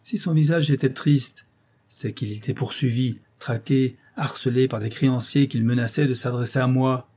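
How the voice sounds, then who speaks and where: A man voicing an anguished middle-aged contractor father in an audiobook, speaking loudly in a hoarse, clipped, emphatic way. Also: mid-range voice, steady tone, normal speed, lightly acted. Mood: grieving. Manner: loud, grieving, emphatic pleading. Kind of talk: audiobook character voice.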